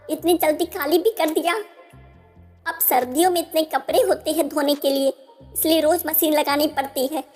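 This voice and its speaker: A woman narrating a family storybook tale in an even, steady reading voice. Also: high voice. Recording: soft music underneath.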